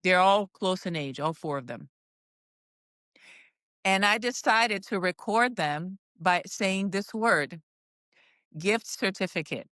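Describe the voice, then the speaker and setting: A middle-aged Brazilian woman, a native Portuguese speaker, appears as a guest wellness coach on a podcast, chatting casually and encouragingly with plenty of ums. Her mid-range voice is expressive and a bit bright, moving slowly with frequent pauses. The studio-quality recording has no echo.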